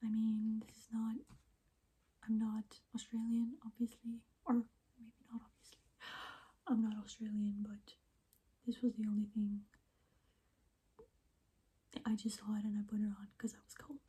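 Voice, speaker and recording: A young woman whispering softly in ASMR style, chatty and often correcting herself. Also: a little high, monotone, normal speed, long pauses, breathy edge. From Iceland. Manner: soft unvoiced whisper, chatty and self-correcting. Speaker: ASMR creator.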